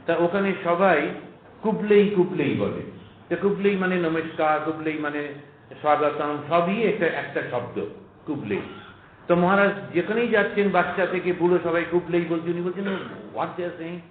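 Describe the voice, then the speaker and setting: A man's voice: on the high side, slight background noise. A middle-aged man giving a spiritual lecture, full of anecdotes, humorous asides and rhetorical questions. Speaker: monk lecturer. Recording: echoey, tinny phone-like lecture recording.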